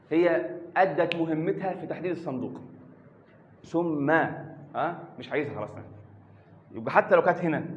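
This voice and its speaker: A man's voice: fairly high pitch, slight background noise. A man with an Egyptian accent teaching a math lesson in a classroom, quizzing students by name and repeating his questions patiently. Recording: echoey, dull lo-fi classroom recording.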